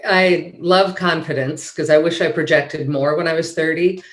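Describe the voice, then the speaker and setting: A woman executive answers a panel question over a video call. She speaks earnestly, with some hesitation and a flat, even delivery, and her voice carries a roomy echo. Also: low-pitched, normal speed. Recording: echoey room on a video call.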